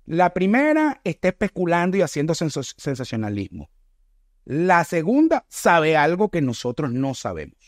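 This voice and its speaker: A man's voice: on the high side, wildly swooping pitch, no echo, clean studio sound. A middle-aged Venezuelan man with a Venezuelan accent, reacting to a video with earnest, emphatic political commentary. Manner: earnest, emphatic, speeds up and slows for stress.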